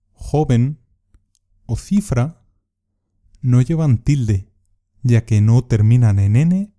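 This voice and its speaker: A man giving a scripted pronunciation lesson, speaking in measured phrases and pausing so learners can repeat. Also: mid-range voice, warm tone. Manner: measured, pauses for repetition. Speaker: Spanish teacher.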